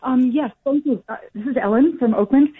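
A woman's voice: high-pitched, brisk, slightly rough. A woman calling in to a radio show over a phone line, telling a personal story with many ums and uhs. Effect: caller heard over a phone line on a radio show.

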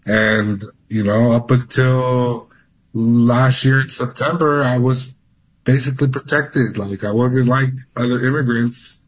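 A man's voice: mid-range voice, fairly even intonation, measured pace, muffled recording. A man in his thirties, from Honduras and raised in California, telling his story as an interview guest, often restarting and repeating words. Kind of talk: personal account in a news interview.

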